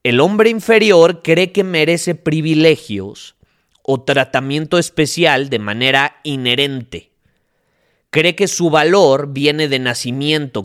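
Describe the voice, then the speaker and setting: A man's voice: a little high, unhurried, fairly bright tone. A man hosting a podcast, giving an emphatic, preachy motivational monologue and talking straight to the listener. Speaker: podcast host.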